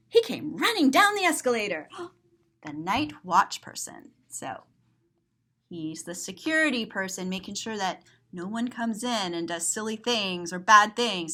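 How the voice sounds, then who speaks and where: With a pushed, bright, mid-range voice, a woman who works as a storyteller, author and teacher reads aloud to kids, adding simple explanations and dramatic gasps as she goes expressively.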